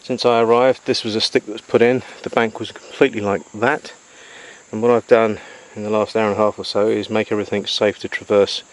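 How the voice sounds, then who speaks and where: A man's voice: fairly low pitch, flat delivery, a little fast. A man recording a casual survival diary outdoors in the jungle, explaining things to camera in an unscripted, methodical, matter-of-fact way. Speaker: survival diarist presenting to camera. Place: outdoors in jungle beside a river. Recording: faint insect noise, outdoor jungle ambience. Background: jungle ambience with crickets and insects.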